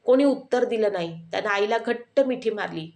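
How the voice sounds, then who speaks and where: A woman narrating a scripted sad story in a slow, hushed, sorrowful way. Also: medium pitch, creaky.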